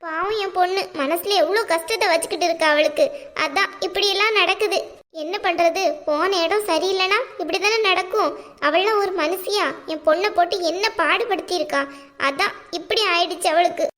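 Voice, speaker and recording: A woman voicing a bitter, grieving middle-aged aunt in a cartoon, who airs her resentment in a slow, wailing way. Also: very high voice, a bit bright. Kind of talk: cartoon voice acting.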